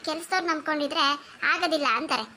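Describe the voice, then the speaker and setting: An older cartoon mother, as a woman puts her on, who chats and grumbles. Her voice is pitched high for a mother. A faint hiss runs underneath. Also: steady tone, fast, sharp tone. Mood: chatty. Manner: chatty, complaining. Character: older mother, chatty and complaining.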